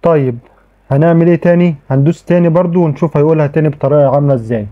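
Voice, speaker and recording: Here the same kind of casual screen-recorded tech tutorial comes from a man with an Egyptian accent whose voice runs on the high side and whose pace is very fast. Chatty in manner, he frequently restarts sentences and leans on "okay." The recording has a tinny, phone-like quality.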